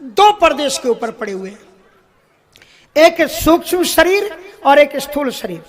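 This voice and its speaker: Very animated but unhurried, a man with a notably high-pitched voice preaches a devotional sermon as some chatter goes on behind him. He illustrates spiritual ideas with everyday anecdotes, chuckles now and then, and occasionally drops into English phrases.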